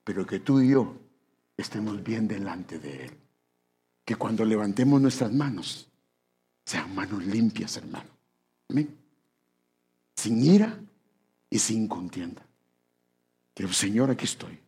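Husky-voiced preacher with a lively delivery. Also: male voice, on the low side, slow pace, long pauses. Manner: animated preaching, acts out voices of church members. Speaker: pastor. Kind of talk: sermon and prayer.

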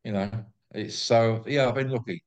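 A man's voice: mid-range voice, moderate pace, darkish tone. A man with an English accent talking casually and effusively as an interview guest, often repeating words and phrases. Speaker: interview guest, greyhound track promoter. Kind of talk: casual enthusiastic chat.

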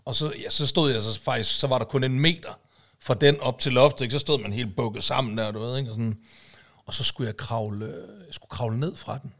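A man's voice: mid-range voice, fairly even intonation, a bit bright. A man co-hosting a casual podcast chat, telling long stories full of fillers. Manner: rambling storyteller, many fillers and "du ved, ikke?". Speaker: podcast co-host.

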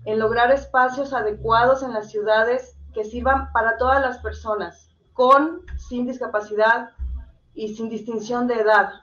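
A woman with a high voice talks as a guest, explaining step by step in a conversational way. She speaks directly to the host, and the sound is a little dull and lo-fi. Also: steady tone, a little slow, a bit bright. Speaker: interview guest and campaigner.

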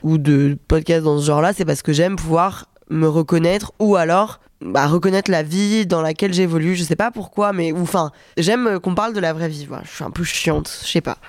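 A woman's voice: fairly low pitch, moderate pace, hardly any pauses, a little mellow, no room sound. A young adult woman hosting a podcast in a casual, rambling, self-deprecating way, with a nose blocked by a cold. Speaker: podcast host. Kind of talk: casual chatty solo monologue. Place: hotel room.

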